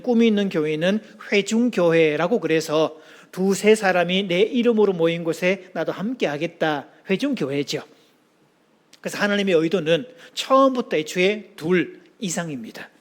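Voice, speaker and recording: A male pastor giving a sermon, asking the congregation questions and leading them in call-and-response. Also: sits high.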